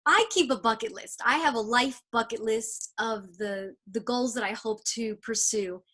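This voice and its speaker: A woman's voice: on the high side, moderate pace, bright, forceful tone. A woman hosting a casual interview, chatting eagerly and telling stories over a video call. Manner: enthusiastic, chatty storyteller. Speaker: interview host.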